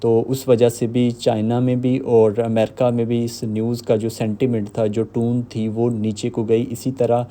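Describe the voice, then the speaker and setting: A man giving a screen-recorded software walkthrough, explaining step by step with filler pauses. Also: mid-range voice, little pitch movement. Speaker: software tutorial host.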